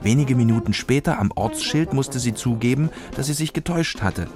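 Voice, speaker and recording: A man calmly reading a children's story aloud as narrator, in an even storytelling manner. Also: medium pitch, fairly quick, over music. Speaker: audiobook narrator.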